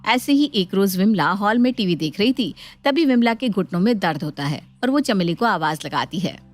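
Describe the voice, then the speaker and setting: A woman narrating a cartoon story in an even, storytelling way. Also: medium pitch, moderate pace.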